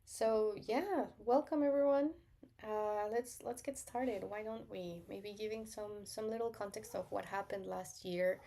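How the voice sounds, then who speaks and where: A woman's voice: mid-range voice, fairly even intonation, a little slow, creaky, few pauses, dark tone. A woman hosting a casual livestream, welcoming viewers and talking hesitantly with many fillers. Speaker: livestream host.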